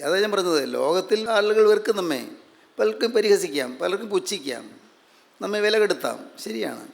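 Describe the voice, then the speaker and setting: A man's voice: sits high, lively intonation, a little fast, vocal fry. A man preaching a sermon, repeating phrases and asking rhetorical questions. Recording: long hall reverb.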